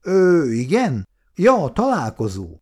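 A man voicing a busy middle-aged client who talks briskly and a little irritated on the phone in an audiobook. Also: medium pitch, sing-song, darkish tone, pitched above the performer's own voice. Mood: curt.

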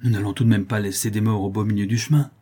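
An indignant young traveler, voiced by a man reading a novel, with a low, dark and husky tone. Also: fairly even intonation, fast talker.

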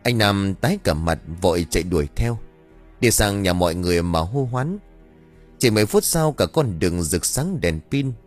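A man reads a story aloud with a lower-pitched voice that rises and falls freely. He narrates from a script with plenty of expression. Faint music plays softly behind him. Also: expressive, normal speed. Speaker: audiobook narrator.

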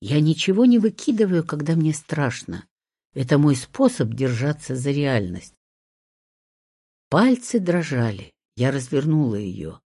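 A woman reading a first-person story aloud, in a soft, expressive way. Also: sits low, measured pace, slightly rough, no room sound, clean studio sound.

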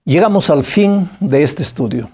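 A man's voice: on the high side, expressive, moderate pace, dark tone, husky. A man preaching a Bible commentary, emphatic and addressing listeners with direct rhetorical questions. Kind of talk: sermon-style Bible commentary.

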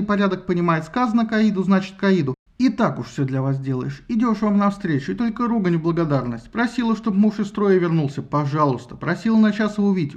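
A man voicing a fussy, irritable male messenger god who talks in a brisk, scolding, bureaucratic way. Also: high-pitched, darkish tone, dull audio, pitched above the performer's own voice.

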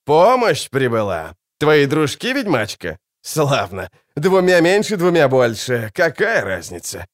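A cruel, menacing older bounty hunter, voiced by a male reader. He growls and sneers his threats with wide swings in pitch, close to a dry mic. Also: wildly swooping pitch, measured pace, no room sound. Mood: sneering. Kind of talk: audiobook character voice.

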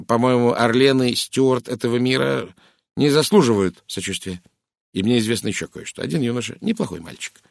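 Man voicing curt English spinster, audiobook; gravelly low tone, dry read, blunt and cutting. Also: dry recording. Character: stern brusque middle-aged English spinster. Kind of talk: audiobook character reading.

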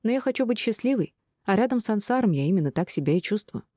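A woman voicing a calm, decisive middle-aged mother who speaks in a level, stern tone. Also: mid-range voice, quick pace, dry recording, studio quality, pitched above the performer's own voice, close to an everyday voice. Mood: firm.

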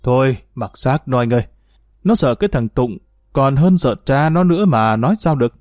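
A man's voice: medium pitch, animated, moderate pace, darkish tone, no room sound, studio quality, natural voice. A man voicing a wary, resigned middle-aged uncle in a read-aloud story.

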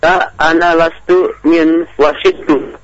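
A male caller on a crackly phone line that keeps breaking up, haltingly reading a language-lesson dialogue aloud with many hesitations. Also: on the high side, flat delivery. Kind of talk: student reading an Arabic dialogue aloud on a call-in. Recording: dull, noisy phone line.

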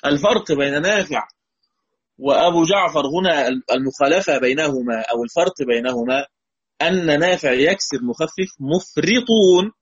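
Man, Egyptian accent, husky voice, dull lo-fi recording, repeats terms and quizzes students. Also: medium pitch. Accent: Egyptian Arabic. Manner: explains patiently, repeats key words, asks students questions. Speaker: Quran recitation teacher. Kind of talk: recorded lesson explaining Quranic readings.

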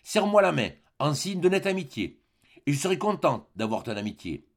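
A man voicing a gentle, shy young peasant girl who talks softly and coaxingly in an audiobook. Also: fairly high pitch, big pitch swings, fairly quick. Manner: soft and coaxing.

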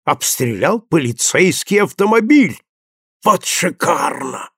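A man voicing an excitable young woman who gushes and exclaims. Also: on the high side, slow, husky, dry recording, studio quality, voice pushed up, exaggerated voice. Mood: excited.

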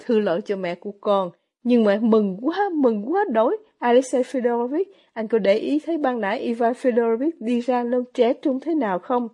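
A woman's voice: on the high side, normal speed, lightly acted. A woman voicing an effusive, fussy middle-aged mother in a storybook reading. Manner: gushing, excitable.

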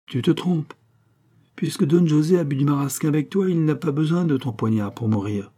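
A man reading an audiobook and voicing a cold, scheming mysterious man who speaks calmly and with command. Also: a little high, moderate pace, voice pushed up, lightly acted. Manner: icy, calm, commanding.

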